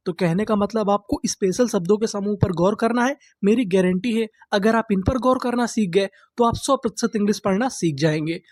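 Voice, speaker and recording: A man teaching English reading as a lesson, asking his own questions, answering them and slowly repeating each word. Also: sits high, a little mellow, no echo, clean studio sound. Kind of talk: classroom-style spelling lesson.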